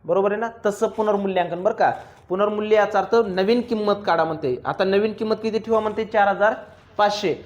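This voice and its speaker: High-voiced teacher quizzing his class. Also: fairly even intonation, dull audio. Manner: drilling students with rapid questions, teasing. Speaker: commerce teacher. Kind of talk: classroom lecture with questions to students.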